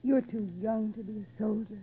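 Worried, loving mother, husky, gentle and protective, vintage radio drama on narrow-band sound. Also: mid-range voice, steady tone, moderate pace. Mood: fond, worried. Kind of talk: old-time radio drama acting. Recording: tinny, narrow-band old radio recording.

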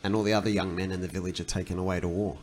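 A man's voice: deep voice, little pitch movement, racing, darkish tone, a little hiss or hum. Man rambling through a casual podcast chat. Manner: rambling, thinking aloud, retelling stories. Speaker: podcast co-host.

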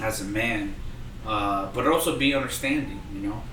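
A man co-hosting a casual podcast chat, blunt and profane, who grows loud and animated when he argues a point. He sits well back from the mic in an echoey room. A steady noise hums underneath his voice. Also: lowish voice, normal speed. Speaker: podcast co-host. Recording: roomy, distant mic with background noise.

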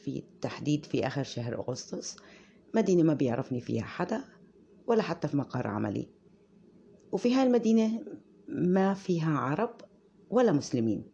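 A woman's voice: sits low, warm tone, lo-fi sound, a little hiss or hum. A woman with a Levantine Arabic accent telling a personal story in an indignant, sarcastic way.

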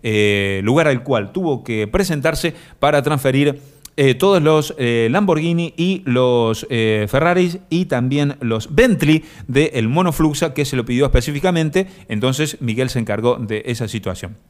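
Joking Argentine man with a lively voice. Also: medium pitch, normal speed. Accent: Argentine Spanish. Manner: rambling, deadpan mock-serious jokes with many fillers. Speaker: live stream host reading viewer comments. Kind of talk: joking casual chat.

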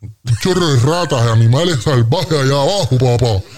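A man's voice: medium pitch, animated, moderate pace, a little mellow. A man with a Puerto Rican accent on a comedy radio show, boasting through an exaggerated story full of slang and sung sound effects.

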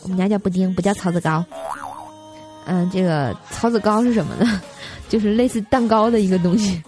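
A woman's voice: medium pitch, a little fast, over music. A young woman from Tianjin, China, hosting a comedy show and telling funny stories in a chatty, giggly way. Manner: chatty, giggly, piles on filler words. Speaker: comedy radio host. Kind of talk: comic storytelling.

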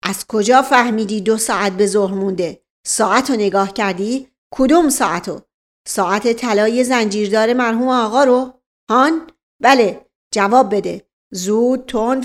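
A woman's voice: fairly high pitch, close to an everyday voice. A woman voicing a blustering male police inspector who barks short commands.

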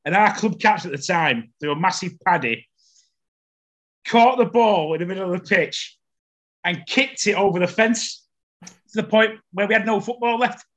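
A man with a notably high voice hosts a relaxed football podcast. He talks in a chatty, storytelling way and often repeats himself as he gets going. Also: normal speed. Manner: chatty storyteller, stammers when starting a story. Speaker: podcast host. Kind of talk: casual podcast chat.

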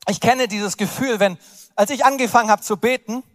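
A man's voice: high-pitched, a little fast, fairly bright tone, no echo, clean studio sound, big-room sound. A man preaching a sermon, urging and encouraging his congregation in an earnest, direct way. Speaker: pastor.

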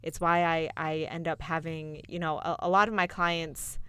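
A woman's voice: sits low, level tone, normal speed, pushed and bright, clear, resonant tone, dry recording. Confident woman lawyer from Massachusetts. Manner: confident, self-assured, laughs easily. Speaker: family lawyer, guest. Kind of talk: casual podcast chat.

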